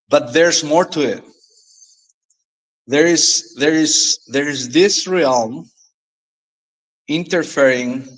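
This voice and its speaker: Earnest man, halting speech. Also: a little high, a bit bright, rough recording. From Mexico. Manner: halting, earnest, repeats words often. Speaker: guest. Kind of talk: casual storytelling.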